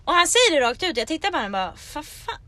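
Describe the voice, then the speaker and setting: Loud, laughing young woman podcaster. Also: high voice, very animated. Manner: loud, laughing storyteller, swears freely. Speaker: podcast co-host. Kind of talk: casual chat.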